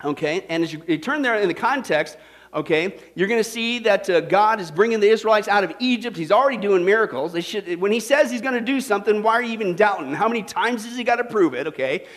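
A man with a notably high, lively voice delivers a sermon. His pitch leaps up and down as he preaches. He keeps the crowd with him through rhetorical questions and repeated calls of "okay?" and "listen". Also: fast. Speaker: pastor.

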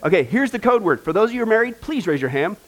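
High-voiced joking pastor preaching. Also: male voice, sing-song, racing. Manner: joking, emphatic, asks the congregation questions. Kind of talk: sermon. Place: church service.

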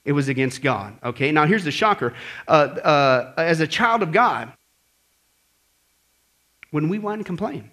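Man, pastor, church sermon, high voice, bright tone, conversational, asks the audience. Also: a little slow, long pauses. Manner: animated, acts out grumbling voices and asks the audience questions.

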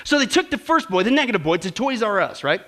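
A male pastor delivering a sermon, lively and animated as he tells jokes and anecdotes. His voice sits high and bright, swooping widely before dropping low and quiet to press a point home. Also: fast.

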